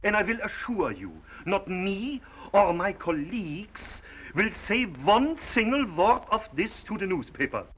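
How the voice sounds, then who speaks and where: An actor playing a pompous, self-important specialist doctor, formal and declamatory in 1930s screwball film style. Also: male voice, high voice, big pitch swings, unhurried, husky, heavily acted. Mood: stern, emphatic. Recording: muffled, hissy 1930s film soundtrack.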